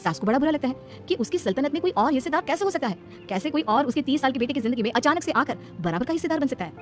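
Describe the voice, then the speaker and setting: A woman narrating a cartoon moral story in rapid storybook style. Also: high voice, lively intonation, faint music behind.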